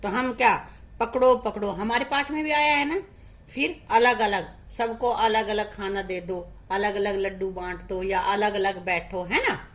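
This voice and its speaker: A woman's voice: medium pitch, fairly even intonation, a little slow, fairly bright tone. A woman teaching a lesson to young children, asking questions and answering them herself in a coaxing, patient way. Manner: asks questions and answers them herself, calls pupils beta. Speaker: primary school teacher.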